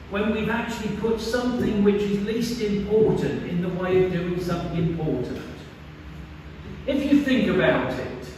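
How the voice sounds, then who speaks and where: A man's voice: high-pitched, a little mellow, a little hiss or hum. A man, preaching a conversational sermon and asking the congregation questions. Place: church hall. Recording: echoey church from far off.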